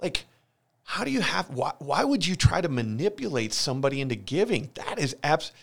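This Michigan man, in his forties, sounds a little high and gravelly yet fairly bright, talking a little fast and very animated. Earnest and confessional, he opens up about his life in an interview and keeps repeating phrases to drive points home.

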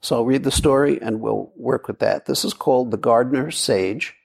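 Gravelly-voiced man giving a Zen talk. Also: mid-range voice, moderate pace. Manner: rambling, storytelling with repetitions and fillers. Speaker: Zen teacher. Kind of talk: dharma talk. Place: meditation hall.

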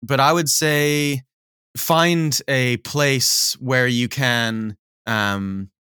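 Bright, smooth-voiced man narrator. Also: mid-range voice, fairly even intonation, extremely slow, no room sound, clean studio sound. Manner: thoughtful, rambling, many fillers. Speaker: audiobook narrator, guest. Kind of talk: casual interview chat. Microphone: home recording setup, headphones.

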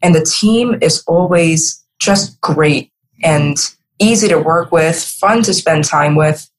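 A middle-aged woman, a marketing executive, speaks earnestly and emphatically as a guest in a conversational podcast interview. Her voice is low and her pace slow.

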